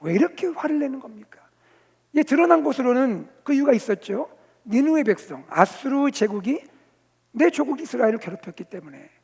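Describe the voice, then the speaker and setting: Korean pastor preaching with swings to whispers. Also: male voice, very high voice, very animated, fairly quick, breathy edge. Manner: storytelling, dramatic shifts between loud emphasis and near-whispers. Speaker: senior pastor. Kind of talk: sermon. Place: church sanctuary. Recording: long reverb of a church hall.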